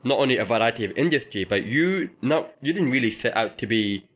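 A man's voice: mid-range voice, lively intonation, fairly quick, a bit bright, muffled recording. A man hosting a casual interview podcast in a conversational way. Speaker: podcast host.

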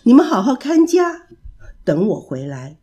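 A woman's voice: on the high side, wildly swooping pitch, measured pace, dark tone. A woman voicing the Stone Monkey, a proud and clever young male monkey king, in a children's storybook reading. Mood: determined.

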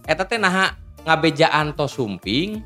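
A man's voice: fairly high pitch, big pitch swings, a little slow, bright, forceful tone, soft background music. Sundanese-accented man explaining patiently. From Garut, West Java. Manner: explains patiently with examples, chuckling often. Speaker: podcast guest, Sundanese language advocate. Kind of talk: casual podcast chat.

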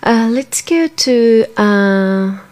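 A woman's voice: fairly high pitch, expressive, very slow, darkish tone. A woman hosting a radio interview in a studio, English not her first language, asking formal questions while searching for words. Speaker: radio show host, interviewer.

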